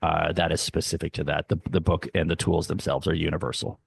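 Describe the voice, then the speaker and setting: A middle-aged man speaking earnestly as a guest in an interview, explaining ideas slowly and with emphasis. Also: extremely low pitch, little pitch movement, creaky, breathy edge. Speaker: guest, youth arts nonprofit leader. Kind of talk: conversational interview. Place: home, dog barking nearby.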